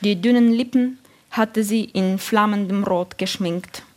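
A woman narrating a literary story in a calm, measured reading. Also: medium pitch. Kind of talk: audiobook reading.

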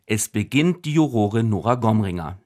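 A man's voice: on the low side, lively intonation, normal speed, a little mellow. A man presenting on a broadcast, formally introducing the next segment. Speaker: radio presenter. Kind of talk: broadcast announcement.

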